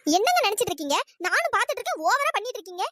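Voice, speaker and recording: A performer voicing a fiery young female college student in a cartoon, scolding in an exasperated, pitch-raised voice. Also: very animated, pushed and bright, dry recording, studio quality, heavily acted. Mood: annoyed scolding. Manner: scolding, exasperated, rapid-fire complaints. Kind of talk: cartoon voice acting.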